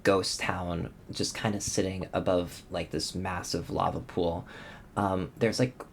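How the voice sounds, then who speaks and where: A man's voice: deep voice, flat delivery, a little slow, vocal fry, slight background noise. A man narrating a tabletop game as game master, casual and hesitant with many ums.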